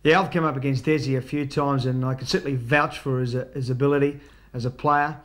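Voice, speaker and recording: A man's voice: medium pitch, steady tone, quick pace, fairly bright tone. An Australian man co-hosting a sports video, chatting casually with a partner. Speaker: co-host. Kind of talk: casual scripted banter.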